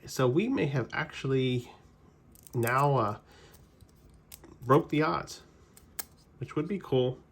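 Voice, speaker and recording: A man's voice: medium pitch, animated, takes it slowly, long pauses. A man casually opening trading card packs on his channel, rambling through player trivia and correcting himself as he goes. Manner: chatty, rambling trivia asides with self-corrections. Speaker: card-collecting channel host. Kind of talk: casual pack-opening commentary.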